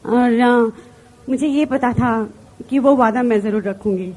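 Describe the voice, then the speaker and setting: High-voiced woman giving a motivational talk. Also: slow pace, darkish tone. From India. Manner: earnest personal storytelling, mixing in English words. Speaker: business seminar speaker.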